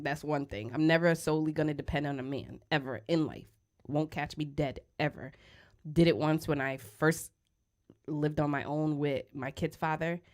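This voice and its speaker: A woman in her thirties co-hosting a casual studio podcast, outspoken and joking, often breaking into loud laughs. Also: deep voice. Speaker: podcast co-host. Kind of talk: casual chat. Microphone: studio microphone.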